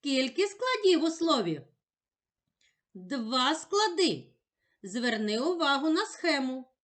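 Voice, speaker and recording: A woman teacher giving a patient, encouraging lesson for young children, sounding words out slowly and carefully. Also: high voice, very animated. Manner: slow, carefully sounded-out speech.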